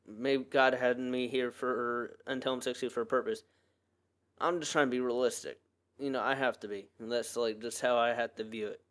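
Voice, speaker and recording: A young man hosting a podcast, talking through a personal monologue in an earnest, rambling way, full of fillers and restarts. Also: mid-range voice. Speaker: podcast host.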